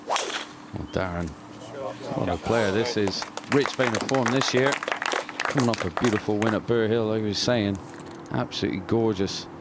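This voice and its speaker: A man's voice: on the low side, moderate pace, very noisy. A man working as a golf commentator, giving casual live commentary in chatty, colloquial phrases full of exclamations.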